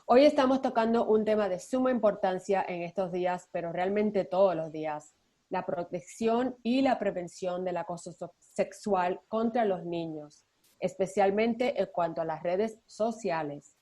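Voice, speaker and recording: A woman's voice: fairly low pitch, unhurried, dark tone. A woman hosting a podcast, introducing the episode and the guest in an upbeat way. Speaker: podcast host.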